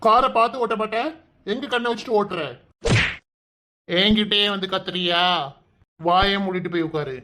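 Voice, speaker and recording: A man voices a bossy, threatening kidnapper from a cartoon gang, barking orders and threats in a Kanyakumari Tamil accent with a gruff, menacing mood. His voice is high, bright and forceful, with fairly even intonation, a moderate pace and frequent pauses. There is slight background noise.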